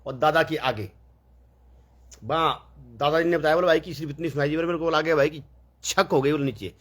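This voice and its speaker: A man tells a story in a relaxed, wandering way, stopping for fillers and acting out what others said. His voice sits a little high and sounds husky. He talks casually, as if chatting with friends. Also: a little fast. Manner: rambling, full of fillers and quoted dialogue.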